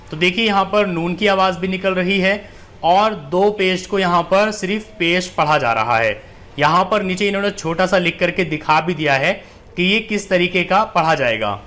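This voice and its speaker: A man teaching Quran reading, spelling out letters and vowel marks syllable by syllable, then blending them into words between quick rule explanations. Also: high-pitched, sharp tone. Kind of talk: spelling-out recitation lesson.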